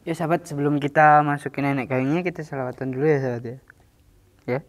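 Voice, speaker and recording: A man's voice: fairly high pitch, fairly even intonation, fast. A man hosting a spiritual mystery channel in casual chat, loose and talkative with many fillers and frequent laughs.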